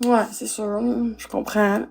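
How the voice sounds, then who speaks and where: A woman's voice: medium pitch, little pitch movement, slow pace, vocal fry, a little mellow. A woman, reassuring the host as a guest on a livestream. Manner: soothing, reassuring.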